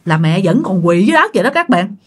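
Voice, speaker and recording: A woman's voice: medium pitch, sing-song, fast talker, husky. A woman telling a ghost story in a chatty way, addressing her listeners directly. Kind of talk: spoken ghost-story narration.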